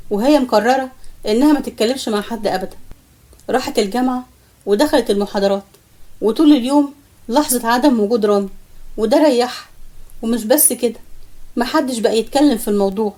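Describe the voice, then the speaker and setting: A woman with an Egyptian accent narrating a serialized romance story in a brisk, even manner. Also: on the high side. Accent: Egyptian Arabic.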